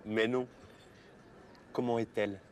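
A young man with a somewhat low voice plays a student in a scripted drama. He keeps asking curious questions in an even, clear way. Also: unhurried. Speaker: student in a language-course drama.

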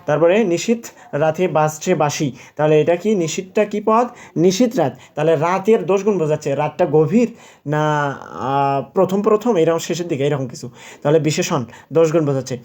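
Mellow-voiced man explaining exam answers. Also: fairly high pitch, lively intonation. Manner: explains step by step, quizzes and answers himself, corrects slips with "sorry"; drawn-out example words, repeated aloud. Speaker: teacher. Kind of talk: exam question walkthrough.

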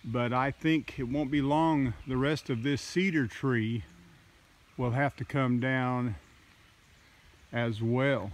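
A man narrating a casual walking tour of his wooded farm outdoors, talking in a slow, halting way with many fillers, recorded on a handheld phone. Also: medium pitch. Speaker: farmer vlogger. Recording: faint outdoor noise.

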